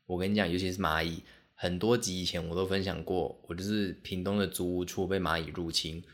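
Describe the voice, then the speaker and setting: Podcast host, male, very low voice, animated and self-mocking solo storyteller. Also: a little fast.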